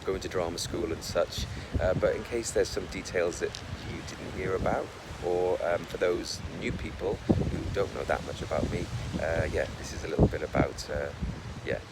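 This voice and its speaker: A man's voice: low voice, moderate pace. A middle-aged man talking casually to camera about his life, hesitant, with many fillers and restarts. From Wales. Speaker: vlogger. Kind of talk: casual personal talk to camera. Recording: loud wind noise over the mic.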